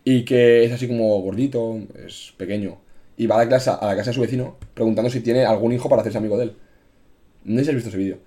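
A young man, co-hosting a casual chat and rambling quickly through a story. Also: medium pitch, steady tone, warm tone. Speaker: podcast co-host.

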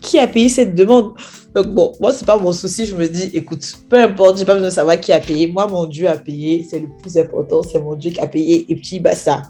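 A woman's voice: fairly low pitch, a little fast, hardly any pauses, faint music behind. A young woman telling a personal testimony as a story, acting out the quoted dialogue as she goes. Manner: animated retelling with acted-out quoted dialogue. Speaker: speaker sharing a personal testimony.

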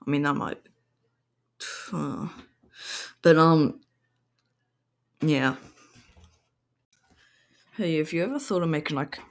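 A man's voice: on the high side, a bit bright. Young aussie guy doing a solo podcast, meandering chat, ums everywhere, drifts off mic now and then. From Australia. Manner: meandering, lots of ums and likes. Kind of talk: rambling casual monologue. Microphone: home microphone, sometimes turned away.

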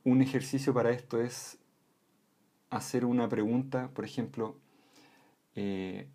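A man explaining voice and communication in a calm lesson, often checking in with short "¿m?" and "¿ya?" tags. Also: mid-range voice, a little slow. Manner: calm, with frequent "¿m?" and "¿ya?" check-ins. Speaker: voice and communication instructor.

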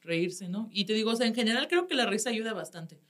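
Full of slang and frequent laughter, a Mexican-accented woman comedian spins stories in a relaxed conversation. Her mid-range voice moves quickly, and she's very animated.

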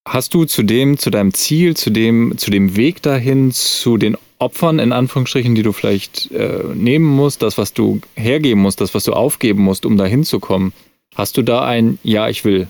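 Man podcast co-host, lowish gravelly voice, reflective, hesitant with fillers, dry mic. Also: normal speed, darkish tone, no echo. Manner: reflective, searching for words with many fillers. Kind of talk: casual conversational podcast.

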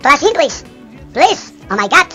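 A man playing a squeaky little man who poses as a bumbling English teacher, mixing broken English with Spanish in an excitable, repetitive way. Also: takes it slowly, faint music behind, exaggerated voice. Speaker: phone-in comic character.

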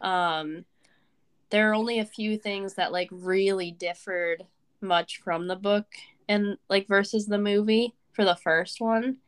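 A woman's voice: mid-range voice, fairly even intonation, measured pace, clear, resonant tone. A woman co-hosting a casual podcast chat, rambling with fillers and restarts, her voice a little worn after covid. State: recovering from covid, voice may crack. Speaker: podcast co-host.

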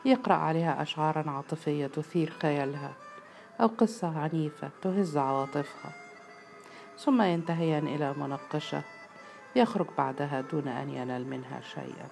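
A woman with an Egyptian accent narrating a story in a steady, storytelling way. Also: low-pitched, brisk, creaky, soft background music. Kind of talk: story reading.

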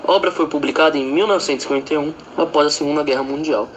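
A man giving a school presentation, reading a poem and his analysis of it in a steady, measured way. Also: fairly high pitch, slight background noise. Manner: reads aloud from a prepared text, steady and measured.

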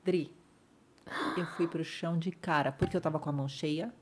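A middle-aged Brazilian woman with a somewhat low voice tells her story as a podcast guest. She acts out the voices of the people in it and lets her voice sink to a near whisper when it hurts. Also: fairly even intonation, normal speed, a little hiss or hum. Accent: Brazilian Portuguese. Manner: vivid retelling, acts out others' lines, drops to a hush at painful moments. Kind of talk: emotional personal storytelling.

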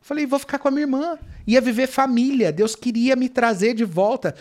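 A man's voice: very high-pitched, fairly quick. A man, a guest telling his faith testimony with dramatic retellings of his prayers and cries. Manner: dramatic, reenacts his own shouting and prayers.

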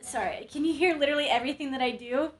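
A woman's voice: sits high, rapid-fire. A woman in her twenties, a podcast guest at a friend's home, chatting nervously with lots of giggles and casual swearing. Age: 20s. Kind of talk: casual chat.

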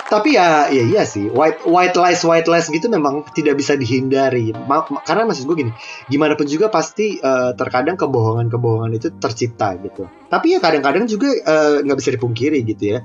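A man chats casually as a podcast co-host, his pitch swinging widely as he tells stories. He acts out each person's lines in turn, with faint music behind him. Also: fairly quick, lo-fi sound. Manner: animated storyteller, acts out both sides of dialogue.

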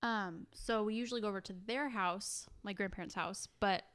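A woman's voice: medium pitch, normal speed, a bit bright, clean tone. A young woman co-hosting a podcast in casual chat, sounding nasal and congested from a cold, talking chattily with lots of fillers. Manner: chatty, filler-heavy, laughs often. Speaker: podcast co-host.

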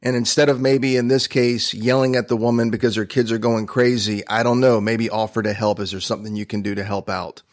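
A man's voice: fairly low pitch, flat delivery, a little fast, few pauses. A man hosting a podcast, telling a motivational story in an earnest, conversational way. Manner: earnest, conversational, with fillers and restarts. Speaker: podcast host.

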